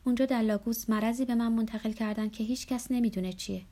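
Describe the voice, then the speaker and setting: A woman reading a novel aloud gives a gravely ill woman a hushed, tearful, breaking voice. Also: a little high, fairly even intonation, natural voice. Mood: tearful despair. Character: frightened, gravely ill grown woman weeping at night. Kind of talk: audiobook character voice.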